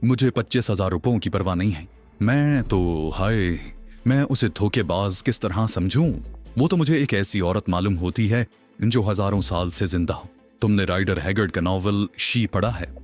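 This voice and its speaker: A man voicing an excitable, gullible, dramatic man in a storybook reading, speaking in agitated exclamations. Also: on the low side, moderate pace, soft background music, lightly acted.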